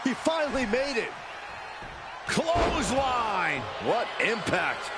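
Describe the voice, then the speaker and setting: A video game wrestling announcer with a high, lively voice that leaps up and down as he calls moves. He talks at an unhurried pace. Loud arena noise roars underneath him. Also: full character voice. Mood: excited. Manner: excitable, calling moves. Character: male wrestling play-by-play announcer. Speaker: play-by-play wrestling commentator. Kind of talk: scripted game commentary.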